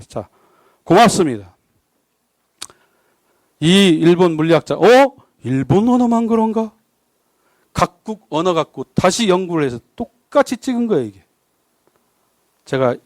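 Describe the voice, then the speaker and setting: A man's voice: high voice, dry recording. A man preaching a sermon as a guest pastor at a church service, joking and keeping the congregation involved with constant questions. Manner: lively, jokey, keeps asking the congregation questions.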